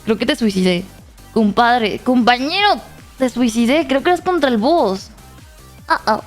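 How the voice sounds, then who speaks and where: A young woman giving casual gameplay commentary, laughing often, shouting at the game and reading pickup lines aloud. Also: a little high, expressive, a little slow, soft background music. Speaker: streamer.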